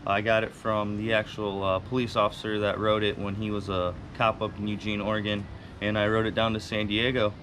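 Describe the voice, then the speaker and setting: A man giving a casual, plain-spoken walkaround talk as a motorcycle owner, halting now and then. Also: fairly low pitch, flat delivery, fairly bright tone, a little hiss or hum.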